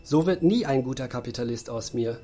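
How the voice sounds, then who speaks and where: A man voicing a naive, confused young man who speaks in a higher, plaintive voice. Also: expressive, fairly quick, dark tone, close to an everyday voice. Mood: whiny.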